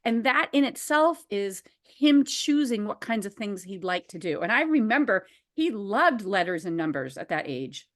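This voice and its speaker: A woman in her forties hosting a casual conversation about behavior analysis, animated and quick to laugh. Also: mid-range voice. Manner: animated, laughs often, acts out quotes.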